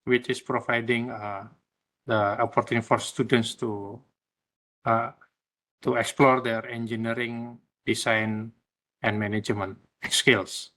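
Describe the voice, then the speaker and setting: With a medium, level pitch and an unhurried delivery, the Indonesian presenter sounds fairly bright. He doesn't speak English, and his online talk is hesitant, filled with fillers and restarts.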